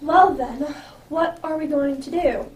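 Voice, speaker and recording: A woman's voice: high voice, unhurried, a little mellow. A woman playing a blunt, eager male police inspector in an amateur radio drama. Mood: eager, puzzled. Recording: echoey room, distant microphone, background noise.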